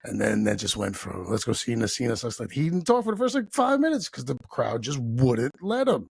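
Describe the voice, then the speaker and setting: A man co-hosting a casual wrestling podcast, talking as an emphatic, enthusiastic fan with a gravelly, husky voice. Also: medium pitch, sing-song, fairly quick, no echo. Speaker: podcast co-host.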